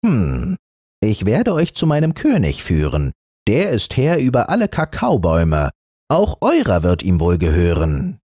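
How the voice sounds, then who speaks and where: A man's voice: lowish voice, wildly swooping pitch, unhurried, dark tone, no room sound, clean studio sound, exaggerated voice. A man voicing a polite, officious monkey guard in a fairy tale audiobook, declaiming formally. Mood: pondering.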